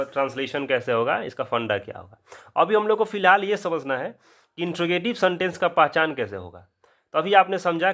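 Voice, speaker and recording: A man with a Bihari accent giving an English grammar lesson in casual classroom style. He asks the viewer a question, answers it himself, and slows down to spell things out. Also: fairly high pitch, bright, forceful tone. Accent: Bihari Hindi. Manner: drawn-out, spelled-out explanations. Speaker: English teacher.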